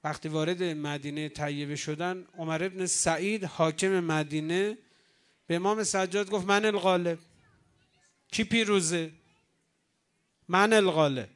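A man's voice: fairly high pitch, steady tone, clear, resonant tone. A man preaching a religious sermon from the pulpit, emphatic and rising to exclamations, retelling old dialogues.

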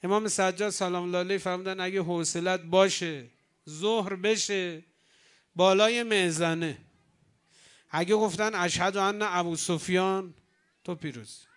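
A man's voice: high voice, steady tone, fairly bright tone, smooth. A man preaching a religious sermon from the pulpit, emphatic and rising to exclamations, retelling old dialogues.

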